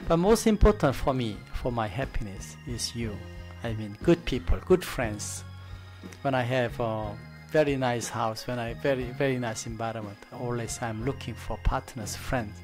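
Middle aged korean accent guy talking to camera, kinda halting english, mid pitched voice, some music in the back. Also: darkish tone. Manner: halting non-native English phrasing. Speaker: presenter. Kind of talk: informal reflective presentation to camera. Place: studio desk with a virtual set. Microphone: desk gooseneck microphone.

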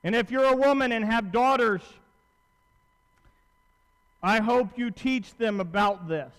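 Preaching in a conversational, emphatic manner, a man in his thirties repeats phrases and poses questions to his audience. His voice is very high, fairly bright, clear, and resonant. He stands at the pulpit on stage in a large church auditorium, and the sound has a long hall reverb.

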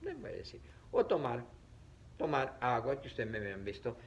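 A male teacher giving a reading lesson to children on camera, stretching out syllables in a playful, animated way. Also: medium pitch, normal speed, vocal fry, lo-fi sound, slight background noise.

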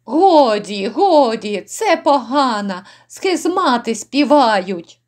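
A woman's voice: fairly high pitch, very animated, slow pace. A woman voicing rowdy, brutal drunken noblemen who jeer and bark orders. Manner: gruff, jeering shouts.

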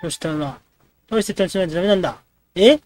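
Guy doing a let's play of a dating game, fast casual jokey commentary. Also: high-pitched, a little hiss or hum. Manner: quick, joking reactions to the game.

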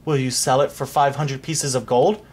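A reader voicing an excitable storybook king who exclaims loudly. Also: moderate pace, slight background noise, lightly acted. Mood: excited. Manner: exclaiming, loud and high. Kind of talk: storybook read-aloud.

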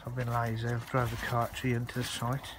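A man rambles informally while walking his allotment and filming a vlog on a handheld phone. He speaks fast with a completely flat, mid-range delivery, and the outdoor phone audio is noisy.

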